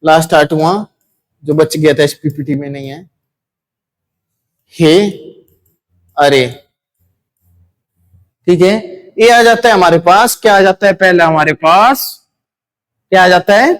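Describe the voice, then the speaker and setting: A man's voice: fairly high pitch, takes it slowly, pauses often, fairly bright tone. A man teaching a Hindi grammar lesson, asking questions and answering them himself, repeating key words for his students.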